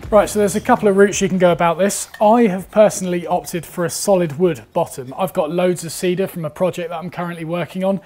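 A man's voice: sits high, steady tone, fast, few pauses, a little mellow, soft background music. A young man, teaching woodworking in a workshop, chatty and upbeat as he explains each step. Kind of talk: instructional talk.

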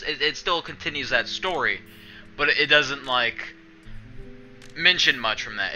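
A man's voice: medium pitch, sharp tone, poor audio. A young man chatting casually while streaming from his bedroom, rambling in a self-deprecating, sarcastic way with plenty of swearing. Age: young adult. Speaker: streamer and video editor. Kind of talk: casual rambling livestream chat. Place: small bedroom indoors.

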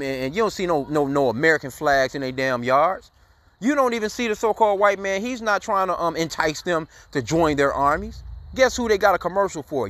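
A man's voice: a little high, a bit bright, dry recording. A man giving heated, profane, rambling commentary, tagging his sentences with "man", in casual talk to his viewers. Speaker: commentary channel host.

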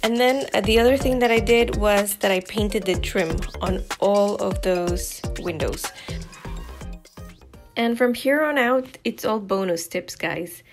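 A woman's voice: mid-range voice, a little slow, music in the background. A woman in her forties narrating her home renovation vlog in a chatty, encouraging way, recorded on a lapel mic at home. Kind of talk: friendly voice-over narration. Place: home living room, indoors.

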